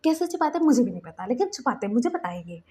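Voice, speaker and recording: A woman's voice: big pitch swings, fast talker, mellow. Woman doing a fussing, scolding young man. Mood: angry. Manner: high-pitched, scolding questions fired off in a row. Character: worried, scolding young man fussing over his hurt lover.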